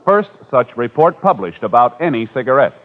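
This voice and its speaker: A man doing formal radio announcing in a measured delivery. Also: medium pitch, very animated. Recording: tinny old radio, reverberant studio.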